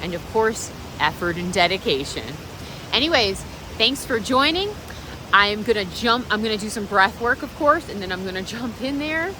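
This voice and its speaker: A woman's voice: medium pitch, normal speed. A woman vlogger talking reflectively and off the cuff outdoors, encouraging the viewer directly. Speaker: vlogger and meditation practitioner. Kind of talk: unscripted reflective vlog talk. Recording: clear steady background noise.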